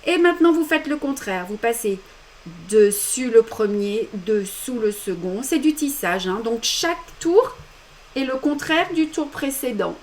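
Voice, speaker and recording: A woman's voice: on the high side, animated, measured pace, slight background noise. A woman with a French accent giving step-by-step embroidery instructions during a live demonstration, with small self-deprecating asides. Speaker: embroidery teacher.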